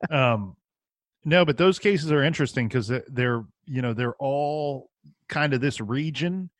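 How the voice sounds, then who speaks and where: Male true crime podcaster as guest, mid-range pitch, relaxed chat format, very little room sound. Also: measured pace, no room sound. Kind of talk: casual chat.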